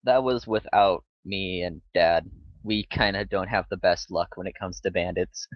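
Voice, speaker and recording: A man playing at a tabletop game, his voice on the low side and his talk chatty and joking. The sound is dull and muffled, recorded dry and close. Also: fairly even intonation, normal speed, no room sound. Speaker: player. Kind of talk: casual tabletop play.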